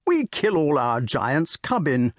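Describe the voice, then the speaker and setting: A man's voice: a little high, big pitch swings, slow pace, no room sound, clean studio sound, voice pushed up, heavily acted. A man voicing a blustering old country knight. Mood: bluff hearty. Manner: bluff, clipped, hospitable.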